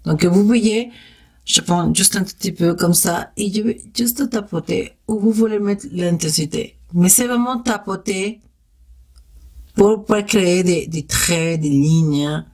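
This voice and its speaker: A woman's voice: fairly low pitch, measured pace, a little mellow. A woman with a Spanish accent, Spanish her first language, hosting a step-by-step makeup tutorial in a chatty, encouraging way, talking straight to her viewers and making little "tac" sounds as she works.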